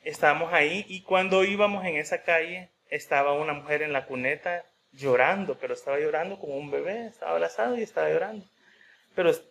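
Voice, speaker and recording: A man's voice: on the high side, vocal fry, a bit bright, a little hiss or hum. A man preaching a sermon in a conversational way, telling a personal story and often adding a questioning tag.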